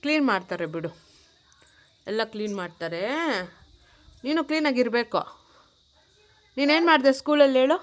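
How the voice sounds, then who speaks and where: A woman records a relaxed home vlog, speaking softly and gently. Her voice sits a little high, with a patient, coaxing way of talking, as a mother would with her child. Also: moderate pace, long pauses. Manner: gentle, coaxing, soft-spoken. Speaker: vlogger and mother.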